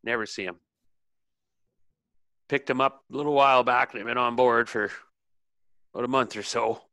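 A man's voice: mid-range voice, steady tone, normal speed, bright, forceful tone, dry recording, clean studio sound. A man voicing a drunk, rambling male ship lookout in a tabletop game. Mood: drunk gossip. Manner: slurred, gossipy sailor talk.

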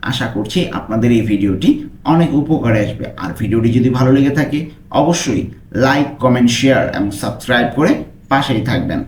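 A man tutoring a language lesson, repeating each phrase and stretching out the foreign words slowly. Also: mid-range voice, lively intonation, echoey room, a little hiss or hum.

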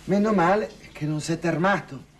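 A man's voice: on the high side, normal speed, close to an everyday voice. An actor playing a lonely older woman who gossips and haggles on the phone in a theatrical monologue, sighing and wryly complaining. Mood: reflective. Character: lonely, wry older woman hiring a dance partner.

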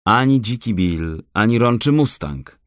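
A man's voice: fairly low pitch, lively intonation, a little slow, no room sound, clean studio sound, voice pushed up. A man voicing a shrewd male forester who teases and bluffs, in an audiobook. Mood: teasing. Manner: mocking, bluffing. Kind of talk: audiobook character voice.

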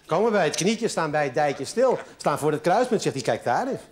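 A man's voice: a little high, big pitch swings, a little fast. A man telling a playful joke to an audience. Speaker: joke teller.

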